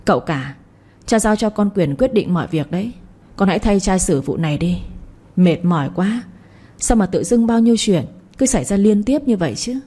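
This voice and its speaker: A woman's voice: medium pitch, expressive, moderate pace, warm tone, husky. A woman voicing a tired, exasperated old father who heads the household. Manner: exasperated, grumbling. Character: weary angry old father, household head.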